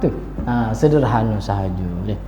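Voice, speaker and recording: A man's voice: lowish voice, expressive, normal speed, mellow, faint music behind. A man with a Kelantanese Malay accent teaching a Quran class in a chatty way and chanting short passages to show how they are recited. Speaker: religious teacher. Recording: echoey hall, dull lo-fi sound.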